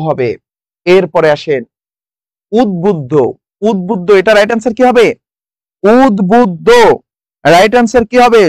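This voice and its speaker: High-voiced male tutor quizzing students. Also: dry recording. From Bangladesh. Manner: quizzing students, repeating answers. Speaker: online tutor. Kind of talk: live exam-prep class.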